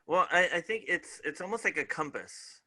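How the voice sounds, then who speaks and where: A man co-hosting a casual show review, talking in a relaxed way and trailing off mid-thought. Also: on the high side, normal speed. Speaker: podcast co-host.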